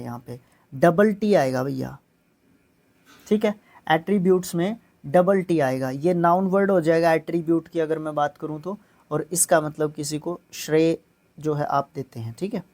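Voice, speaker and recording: A male teacher with a warm, mellow tone runs an exam-prep grammar lesson. He explains each step plainly and keeps checking that his students are following. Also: on the high side.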